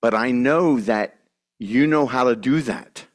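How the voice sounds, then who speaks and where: A man's voice: medium pitch, measured pace. A man preaching a sermon to his congregation, earnest and emphatic, with restarts and asides. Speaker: pastor.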